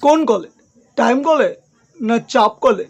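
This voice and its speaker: A woman voicing an excitable, cheeky young student in a cartoon comedy skit, with theatrical, whining repetition. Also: fairly high pitch, measured pace, vocal fry, very noisy.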